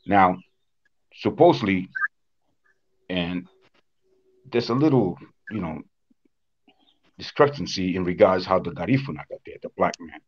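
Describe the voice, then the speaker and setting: A man's voice: low voice, expressive, unhurried, pauses often, slightly rough, highs cut off. A man from Honduras gives a conference talk on a video call, telling history plainly with frequent "uh" and "according to what I understand.". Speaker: invited speaker on Wanaragua dance. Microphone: webcam on video call.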